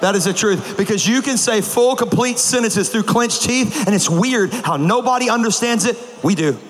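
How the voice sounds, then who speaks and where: A high-pitched male preacher delivers a comedic sermon in a large auditorium, telling stories with animated energy and sudden shouts. His voice rings out with a long hall echo over a faint hum of ambience. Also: normal speed. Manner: animated storytelling with bursts of shouting. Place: large auditorium with a live audience.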